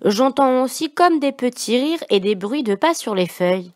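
A woman voicing a gentle, fussy prince who is a father in a children's story, with a mild, puzzled voice. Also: on the high side, lively intonation, moderate pace, no room sound, clean studio sound, voice pushed up, natural voice.

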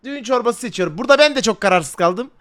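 Young male streamer, very high voice, loud, crude, jokey, swears a lot. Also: lively intonation, fast talker. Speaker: livestreamer. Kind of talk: casual live stream chat with viewers.

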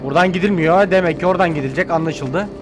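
A man's voice: on the high side, very fast, music in the background. A man giving scared, cursing commentary while playing a horror game, often yelping when startled. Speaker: gameplay streamer.

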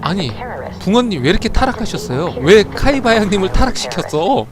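A man doing playful live commentary on a driving game, stammering and repeating words, then bursting into loud flustered yelling. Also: sits high, very animated, brisk, crowd noise. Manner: playful, chatty, swings into loud flustered outbursts. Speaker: game streamer.

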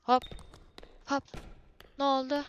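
A young woman doing let's-play commentary on a horror game, excitable and cursing, yelling at the monsters. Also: high voice, takes it slowly, lo-fi sound, a little hiss or hum. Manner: excitable, swears and yells at monsters. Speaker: gamer playing a horror game.

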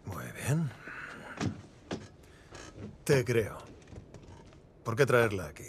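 A man's voice: medium pitch, big pitch swings, very slow, noisy background. An actor playing a man who leads a settlement, speaking in a skeptical, questioning way in dubbed game dialogue. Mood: wary. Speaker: game character.

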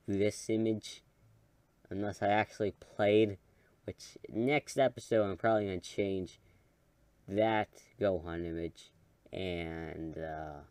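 A man giving rambling, self-deprecating commentary while playing a game, often trailing off softly. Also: low voice, dry recording. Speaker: gaming channel host.

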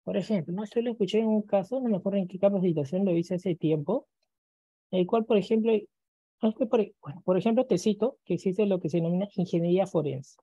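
A man's voice: high voice, fast, dark tone, dry recording, dull audio. A male computer teacher in a screen-recorded lesson who keeps checking in with listeners and acts out students' questions, then answers them himself.

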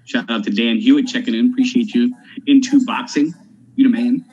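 A man co-hosting a live boxing talk stream, chatting casually and giving shout-outs. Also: medium pitch, fairly even intonation, a little fast, muffled recording. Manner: hypes his intro with showy nicknames. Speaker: podcast co-host.

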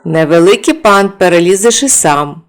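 A woman's voice: lowish voice, animated, normal speed. Woman voicing a matter-of-fact folk-tale giant. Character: mighty male oak-uprooting giant, matter-of-fact.

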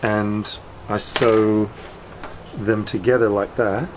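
Slow and steady, a man in his fifties with a lowish voice describes each stage of a repair while working on the outdoor deck of a sailboat at anchor. The camera's built-in mic records him along with wind and the sounds around the boat.

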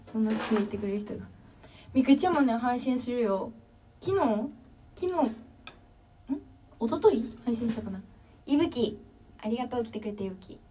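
A woman's voice: on the high side, lively intonation, brisk, warm tone, recorded from a distance, slight background noise. A young woman with a Kansai accent chatting casually on a livestream, reading viewer comments and thanking fans one by one. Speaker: drummer livestreamer.

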